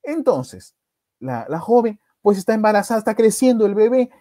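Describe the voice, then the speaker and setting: A man's voice: high voice, sing-song, normal speed, dark tone, no echo, clean studio sound. A man hosting a live stream, retelling a past-life story dramatically, with many rhetorical tags and restarts, greeting viewers.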